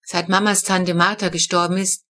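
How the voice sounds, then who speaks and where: A woman's voice: fairly low pitch, flat delivery, moderate pace, bright, forceful tone. A woman voicing a flustered mother in a family story. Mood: fussing.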